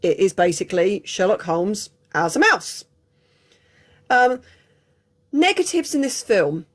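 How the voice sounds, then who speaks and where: A film reviewer and channel host from England chats casually through an unscripted review, frank and prone to digressions. Her mid-range voice is sing-song and a little slow.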